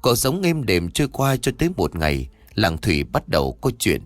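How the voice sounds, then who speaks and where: A man's voice: low voice, normal speed, dry recording, faint music behind. A man narrating a scripted horror story and voicing its characters himself. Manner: lively, voices the characters' dialogue himself.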